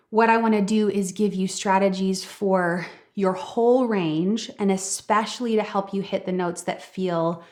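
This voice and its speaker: A woman vocal coach giving an upbeat, encouraging singing lesson, talking straight to her students and singing short demonstration lines. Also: medium pitch.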